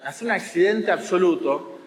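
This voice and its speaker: A man's voice: high voice, moderate pace. Rioplatense man teaching in a hall. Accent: Rioplatense Spanish. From Argentina. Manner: explanatory, teasing, checks understanding. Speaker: watercolor teacher. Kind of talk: masterclass to students. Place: school hall.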